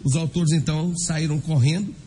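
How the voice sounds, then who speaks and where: The Brazilian crime-news host's voice is on the high side and warm, with fairly even intonation and normal speed. He reads news and live advertising in a relaxed, listener-directed style over a music bed, with a slight hiss or hum.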